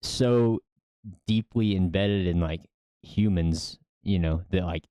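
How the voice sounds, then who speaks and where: A man's voice: low voice, slow, warm tone, smooth, dry recording, clean studio sound. A young man co-hosting a podcast in casual chat, rambling and hesitant with many fillers. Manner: rambling, hesitant, lots of likes and you knows. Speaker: podcast co-host.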